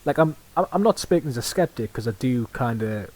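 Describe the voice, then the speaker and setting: A man's voice: mid-range voice, animated, fairly quick, darkish tone. A young man with a Sunderland accent, co-hosting a podcast, making dry, sweary, offhand remarks about ghosts. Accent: Sunderland (Mackem). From Sunderland, England. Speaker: podcast co-host. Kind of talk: casual chat about ghost stories. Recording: faint hiss.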